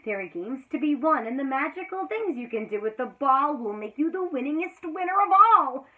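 With a high, animated voice and a fairly quick pace, a woman in her thirties who teaches reads a picture book to children, alternating hushed passages with loud exclamations. She's in a small room before a green backdrop, recorded at close range by a built-in camera mic, and the sound is tinny and phone-like.

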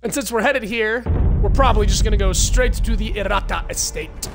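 A man's voice: high voice, gravelly, over music. Joking male gameplay streamer. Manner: joking, chatty, quick asides. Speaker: game streamer. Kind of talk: casual gameplay commentary.

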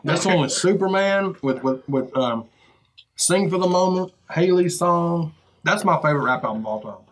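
A man's voice: a little high, expressive, normal speed, a bit bright, a little hiss or hum. A man in his thirties chatting casually as a guest, hesitant and a little defensive. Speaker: video guest, rapper. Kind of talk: casual chat. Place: inside a fast-food restaurant, seated at a table.

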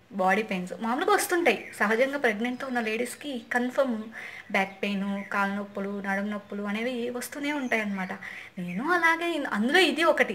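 Young female vlogger, casual storyteller, slightly high pitch, faint background hiss. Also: a bit bright. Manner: chatty, repeats and restarts phrases.

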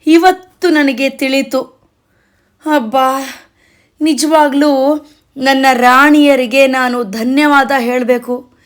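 A woman voicing a proud king who plays a father trying to soothe a crying child, coaxing and then fed up. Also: on the high side. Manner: coaxing, growing exasperated. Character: boastful emperor Akbar, a king playing father.

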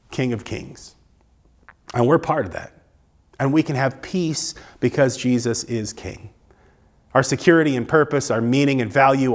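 Casting: man, 30s, pastor, earnest recorded sermon, middle-pitched voice, lapel mic. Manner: earnest, gestures with both hands. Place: small church stage with drum kit and Christmas decor, indoors.

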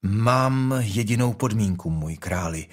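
A man voicing a calm, stubborn young investigator in an audiobook, asking questions in a measured, persistent way. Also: on the low side.

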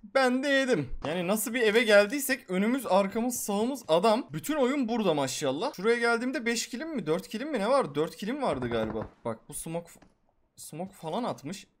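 Excitable male gaming commentator. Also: high-pitched, normal speed. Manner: excitable, swearing, talks to viewers. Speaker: gaming YouTuber. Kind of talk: live gameplay commentary.

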